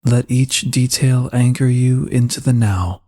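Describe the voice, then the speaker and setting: Guiding a slow meditation, a man speaks in a soft, husky mid-range voice, keeping his delivery calm, soothing and unhurried.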